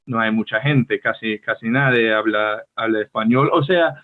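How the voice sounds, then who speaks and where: A man's voice: lowish voice, normal speed. A young American man whose first language is English, speaking Spanish with a picked-up Argentine accent, hesitant and searching for words in a casual chat. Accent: Argentine Spanish, learned as an American. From United States. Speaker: podcast co-host. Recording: tinny phone-like call audio.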